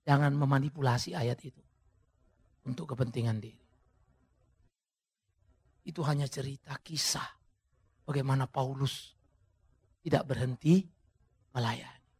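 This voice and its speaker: A male pastor preaching a sermon with dramatic, sudden shouted emphases, speaking straight to his congregation. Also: medium pitch, fairly even intonation, a little slow, pauses often, husky. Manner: addresses the congregation directly.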